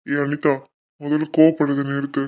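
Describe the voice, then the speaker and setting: A woman's voice: low voice, level tone, normal speed, highs cut off, pitched below the performer's own voice, close to an everyday voice. A woman voicing a level-headed young male college friend who reasons and soothes. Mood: earnest.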